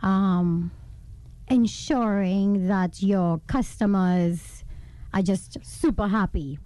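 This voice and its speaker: A woman from Venezuela, a guest telling her life story in a casual interview, animated and laughing often. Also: mid-range voice, takes it slowly, no echo. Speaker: guest entrepreneur.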